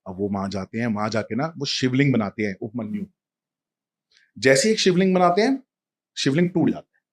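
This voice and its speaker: A man telling a devotional story in a lively, casual way, talking straight to a listener. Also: medium pitch, brisk, husky.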